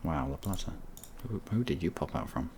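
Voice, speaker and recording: A man's voice: very deep voice, expressive, fairly quick, a little mellow, a little hiss or hum. A man thinking aloud as he plays a strategy game, with wry asides, at a desk microphone. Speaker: gaming channel host.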